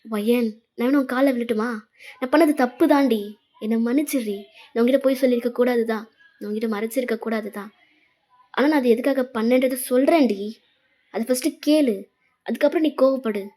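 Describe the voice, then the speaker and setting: Casting: woman playing an apologetic young boyfriend, coaxing tone, mellow voice on the high side. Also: a little fast, long pauses, natural voice. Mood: pleading. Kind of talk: fan fiction voice-over.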